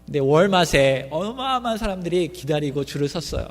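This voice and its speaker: A pastor with a voice on the high side preaches animatedly and a little fast, putting question after question to his congregation. The sermon takes place in a church sanctuary and carries long hall reverb.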